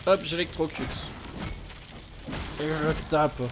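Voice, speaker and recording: A man's voice: fairly high pitch, fairly even intonation, slow pace, background noise. A man giving live, rambling commentary while he plays a video game, with lots of fillers and pained cries when he gets hit. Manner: rambling and casual, with many fillers and pained exclamations. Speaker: streamer. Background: game music.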